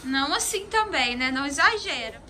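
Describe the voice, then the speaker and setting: A woman, the mother of the family, chatting casually and trying to calm everyone down. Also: high voice, a little fast, slight background noise. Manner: calming, tries to settle others.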